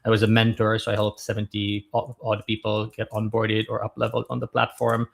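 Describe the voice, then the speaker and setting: A man in his thirties from Romania, a guest on a podcast interview, talking in a relaxed, thoughtful way with frequent fillers. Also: fairly low pitch, brisk, creaky. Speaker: guest, startup founder.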